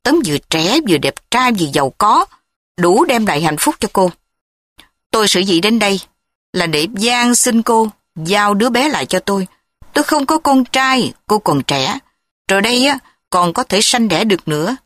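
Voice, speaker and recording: Woman reading a scheming older uncle, calm and menacing. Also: mid-range voice, normal speed, no room sound, clean studio sound.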